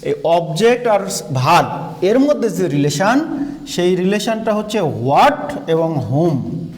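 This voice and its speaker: A man's voice: high-pitched, big pitch swings, a little slow, a little mellow. A man with a Bangladeshi Bengali accent teaching a grammar lesson in a school classroom, asking the class questions and repeating their answers. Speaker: English teacher.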